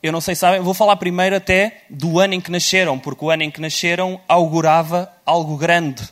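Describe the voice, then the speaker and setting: A man with a fairly high voice and a European Portuguese accent hosts a panel on stage. He talks loudly and with a playful, teasing edge. His delivery is lively and deliberate. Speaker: moderator. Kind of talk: live panel moderation.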